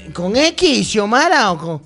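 A playful man chatting on the radio, a little high in pitch. He tells anecdotes and acts out small scenes along the way, with faint music in the background. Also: big pitch swings, unhurried, fairly bright tone. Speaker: radio co-host. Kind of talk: casual banter on a radio show.

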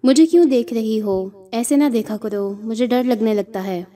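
A woman's voice: a little high, dark tone, close to an everyday voice. A woman reading a nervous young man. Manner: hesitant, fearful. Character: young man, nervous, timid around his possessed wife.

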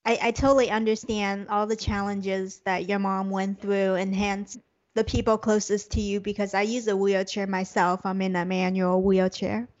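A woman's voice: medium pitch, flat delivery, normal speed, a little mellow, dull audio. A woman conducting a conversational interview in an affirming, encouraging way.

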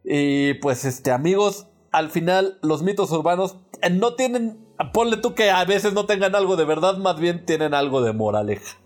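A Mexican man co-hosting a casual podcast, his voice slightly high. He talks in a relaxed, slangy way and chuckles often. Faint music sits under the chat. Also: normal speed. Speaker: podcast co-host.

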